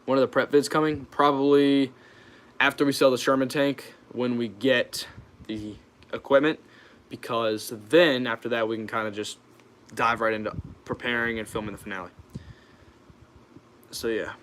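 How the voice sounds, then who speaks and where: A young American man hosts a casual livestream Q&A on his YouTube channel, reading out questions and answering them off the cuff in an informal, hesitant way. His medium-pitched voice is steady and fairly bright, moving at a moderate pace with frequent pauses.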